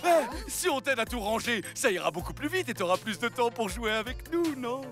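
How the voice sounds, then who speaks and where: A man's voice: very high voice, big pitch swings, normal speed, over music. A man voicing a friendly, helpful young pal in a cartoon.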